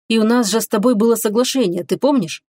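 A woman voicing a stern, devoted male warrior who speaks seriously and in a measured way. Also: on the high side, a little mellow, dry recording, studio quality, natural voice. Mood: tender.

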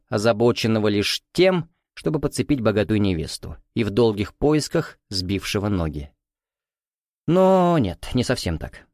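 Male audiobook narrator, mid pitch, measured delivery, dry close sound. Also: darkish tone, dry recording. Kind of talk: scripted narration.

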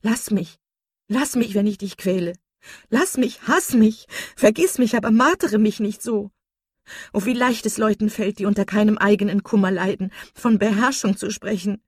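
A woman's voice: medium pitch, moderate pace, darkish tone, slightly rough, no echo, studio quality, pitched above the performer's own voice, lightly acted. A woman playing a distraught, sobbing young woman. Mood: desperate. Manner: desperate, pleading, sobbing outbursts.

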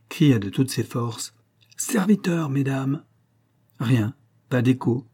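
A man reading a literary novel aloud as an audiobook narrator, in a measured, even storytelling manner. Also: mid-range voice, breathy edge.

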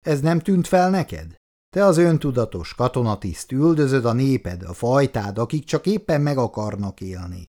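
A man's voice: mid-range voice, very animated, dark tone, voice pushed up, lightly acted. A man reading the part of a cool-headed militia leader who talks to a prisoner in a dry, teasing, lecturing way. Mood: cool mocking.

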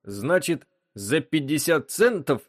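A gruff, bossy spaceship captain barks orders in a raised, loud voice, as a male narrator puts him on. He sounds impatient and commanding. The recording is dry and close. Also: a little high, very animated, slow pace, no echo, voice pushed up. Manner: commanding, impatient, shouting at times.

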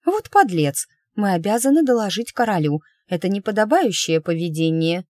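A woman's voice: medium pitch, lively intonation, moderate pace, a little mellow, dry recording, clean studio sound, natural voice. A woman reading an audiobook, voicing a flustered, giggly young woman who exclaims in a rising voice. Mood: indignant. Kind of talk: audiobook character voice.

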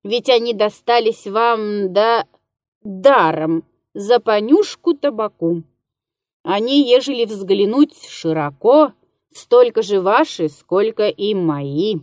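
A woman voicing a drunk male musician who mocks and wheedles in a slow, slurred way. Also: mid-range voice, animated, a little mellow, no room sound. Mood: mocking.

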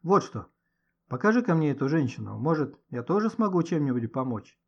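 A man voicing a composed adult male neighbor in a storybook reading, with steady, reassuring speech. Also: a little high, brisk, breathy edge, full character voice. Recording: dull lo-fi recording.

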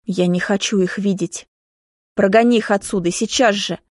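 A woman's voice: medium pitch, fairly even intonation, moderate pace, a little mellow, no room sound, clean studio sound, natural voice. A woman reading an audiobook, voicing an anxious middle-aged mother who speaks emotionally and pleadingly. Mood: reproachful.

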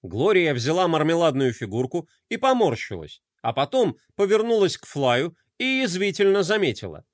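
A man narrating a children's storybook in an expressive, animated way. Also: a little high, moderate pace, hardly any pauses, no room sound, studio quality.

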